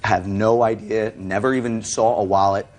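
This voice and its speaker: A man's voice: lowish voice, steady tone, normal speed, a little mellow. A man testifying as a litigant in a TV courtroom, indignant and self-justifying, with stiffly formal wording and hesitations.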